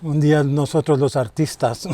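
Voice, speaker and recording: A man's voice: fairly high pitch, steady tone, normal speed, mellow. An older man from El Salvador, a guest in an interview, answering thoughtfully with many fillers. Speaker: guest, photographer and filmmaker.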